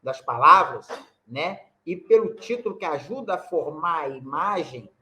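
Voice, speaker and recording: A Brazilian-accented man lectures a poetry workshop over a video call. His voice sits a little high for a man, and he explains each rule patiently, checking in with quick tag questions. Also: lively intonation, bright, forceful tone. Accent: Brazilian Portuguese.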